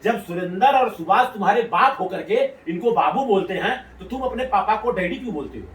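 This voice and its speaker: A high-pitched, slightly bright male voice with lively intonation and a somewhat fast pace belongs to a rationalist activist questioning a child. He coaxes and quizzes the child in a playful, laughing, casual way. A distant mic gives the recording a roomy sound.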